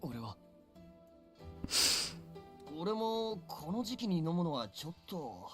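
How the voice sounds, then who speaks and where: An actor playing an earnest, dutiful young samurai page in a visual novel. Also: male voice, on the high side, very animated, normal speed, darkish tone, faint music behind. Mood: serious. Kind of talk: Japanese visual novel voice acting.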